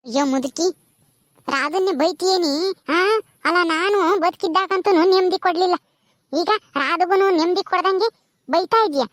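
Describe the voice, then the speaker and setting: A vengeful ghost of a dead first wife threatens the old mother-in-law, voiced by a woman. She speaks lower and more slowly, with a menacing edge. The sound is dry and close. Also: dry recording. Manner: scolding, vengeful, low.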